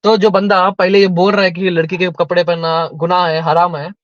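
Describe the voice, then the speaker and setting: A man calling into a debate, halting and deferential, stumbling as he explains. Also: high-pitched, flat delivery, no room sound. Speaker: caller. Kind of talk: debate on a call. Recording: dull, dry lo-fi audio.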